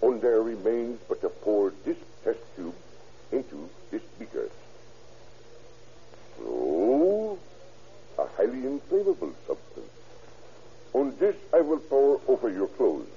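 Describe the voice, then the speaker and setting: With an exaggerated, mellow voice on the low side, a man acts the part of a scheming German doctor, gloating and cackling in a German accent after murdering his friend. The 1940s radio drama comes through muffled, with a faint hiss.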